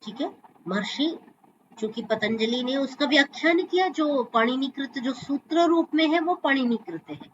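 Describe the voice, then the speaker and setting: A woman's voice: high-pitched, animated, moderate pace, highs cut off, a little hiss or hum. A woman teaching a Sanskrit class over a video call, explaining points and reciting verses while she carefully stretches sounds to show how to say them.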